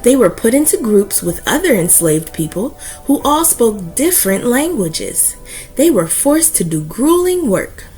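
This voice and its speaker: With a lively, swooping voice pitched fairly high, a woman reads a children's storybook aloud. She phrases things deliberately and emphatically, the way a read-aloud host would. Faint, soft music plays in the background.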